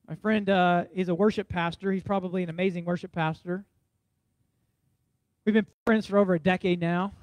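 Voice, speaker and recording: A male pastor preaching a sermon, rising loud for emphasis and dropping soft and hushed for stories. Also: high-pitched, no room sound, low-quality recording.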